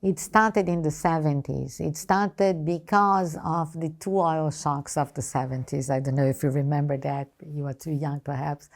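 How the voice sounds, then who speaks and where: Brazilian-accented woman diplomat, low and gravelly, careful and hesitant interview delivery, Portuguese native. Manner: hesitant, halting, choosing words carefully. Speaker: ambassador being interviewed. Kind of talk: formal interview answers.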